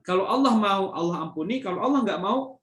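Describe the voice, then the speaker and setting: A male Islamic preacher with a high, expressive, bit-bright voice lectures briskly on religious study, drawing on everyday examples and many fillers. The echoey room carries a little hiss or hum.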